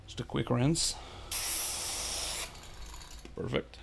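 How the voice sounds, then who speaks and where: A man's voice: mid-range voice, lively intonation, very slow, gravelly, noisy background. A man hosting a live miniature painting tutorial, chatting casually and rambling with lots of fillers, joking and talking to his chat. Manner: jokey, talks to chat.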